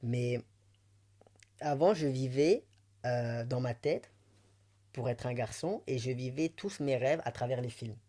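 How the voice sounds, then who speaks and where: A Belgian man with a mild Belgian French accent, mid-pitched, sharing his personal story in an interview. He talks sincerely and emotionally and laughs easily, rambling warmly from one thought to the next. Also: unhurried, long pauses. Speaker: interview guest.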